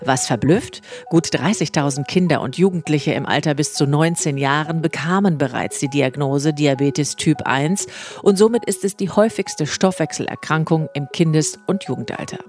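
A woman's voice: deep voice, moderate pace, darkish tone, soft background music. A woman hosting a podcast, presenting and interviewing in a radio style. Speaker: podcast host.

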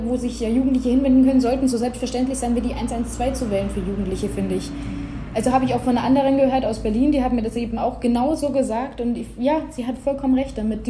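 A young woman answers interview questions with earnest conviction and speaks openly from her own experience. Her voice sits fairly high and sounds mellow rather than bright. The room around her rings with a noticeable echo. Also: a little hiss or hum. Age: young adult. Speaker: interview guest. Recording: roomy echo.

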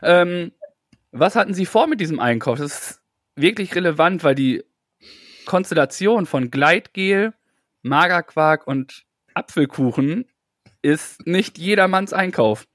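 A man's voice: on the high side, expressive, measured pace, a bit bright, dry recording, voice pushed up. Man playing a mock-earnest phone caller, dry close sound. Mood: officious. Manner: mock-polite, formal, hesitant. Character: mock-earnest male tenant and consumer hotline surveyor. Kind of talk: improvised comic phone role-play.

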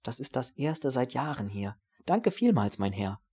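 A man's voice: medium pitch, very animated, unhurried, mellow, breathy edge. A man voicing a polite, hard-of-hearing older café waiter with a formal, deferential manner.

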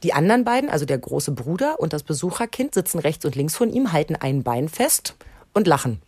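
A German-accented woman hosting a parenting podcast, telling a family story in a relaxed way. Her voice sits on the low side and is recorded dry and close to the mic. She acts out the dialogue as she retells it. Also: fairly quick, husky, dry recording. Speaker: podcast host, mother. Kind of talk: casual storytelling chat.

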